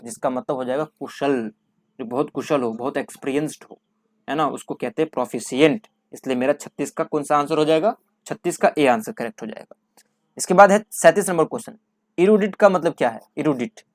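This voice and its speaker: The recording is studio quality with no room sound, featuring a man with a slightly high voice who teaches English exam vocabulary. He repeats key terms and poses questions that he answers himself.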